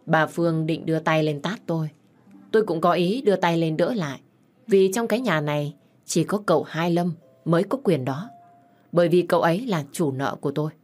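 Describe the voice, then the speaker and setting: A woman narrating a first-person story in a calm, even manner. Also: deep voice, brisk.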